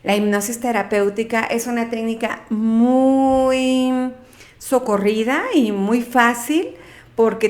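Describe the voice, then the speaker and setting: A woman's voice: on the high side, darkish tone. A middle-aged woman with a Mexican accent, a guest chatting in an interview who talks things through aloud and sometimes trips over her words. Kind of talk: casual interview talk.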